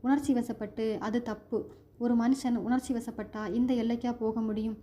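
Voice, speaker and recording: A woman voicing a kind policeman's wife who speaks gently and hesitantly. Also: a little high, steady tone, moderate pace, close to an everyday voice. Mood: probing.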